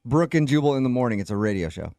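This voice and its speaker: A man's voice: medium pitch, lively intonation, racing, mellow, no echo. A man hosting a morning radio show, teasing and laughing on a call to a listener. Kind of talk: radio prank-style phone call. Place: radio studio.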